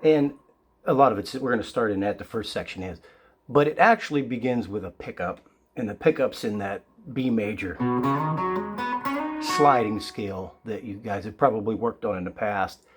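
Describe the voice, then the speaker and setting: Raspy-voiced man teaching guitar. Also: on the low side. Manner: relaxed, halting, with many fillers. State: raspy, sick voice. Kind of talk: casual guitar lesson. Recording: loud guitar playing behind the voice.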